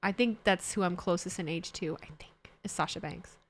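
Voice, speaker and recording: A woman's voice: fairly low pitch, moderate pace. A woman in her thirties streaming and chatting casually, rambling and correcting herself as she reads chat. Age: 30s. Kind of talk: casual livestream chat, reading chat.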